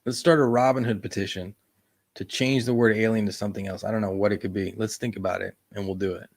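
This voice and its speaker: A man's voice: fairly low pitch, fairly even intonation, quick pace. A man hosting a casual livestream chat, rambling in a laid-back way and often tossing in "man.". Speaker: YouTube livestream host.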